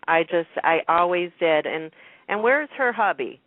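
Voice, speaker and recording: A radio show host chats casually about soap operas, gushing informally and often repeating her words. Her voice is on the low side and animated, at a measured pace, heard over a narrow, phone-like radio line with no echo.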